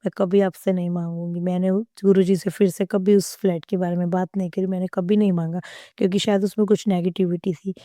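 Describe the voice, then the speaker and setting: A young woman gives a devotional testimony in an earnest, reverent way, often stopping and restarting her sentences. Her voice sits a little low and stays flat, with a mellow, dark tone. The sound is close and dry, with no room echo. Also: a little fast.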